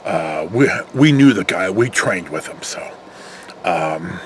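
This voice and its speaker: An older American man, a former security patrol officer, tells casual, rambling stories, acting out the dialogue and swearing freely. His voice sits low with lively intonation and a slow pace, over slight background noise.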